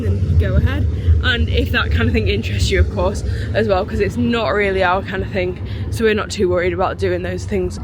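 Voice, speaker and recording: A woman chatting casually to a handheld camera as a travel vlogger, upbeat and rambling. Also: medium pitch. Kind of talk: casual vlog chat. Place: outdoors in a city street and a small hotel bathroom. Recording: noisy outdoor street recording.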